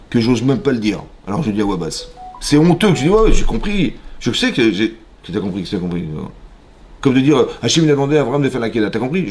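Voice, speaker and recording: A man, a rabbi, giving an informal Torah lecture to a live class, animated and often checking in with his listeners, with frequent repetitions and sometimes dropping to a hushed voice. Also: medium pitch.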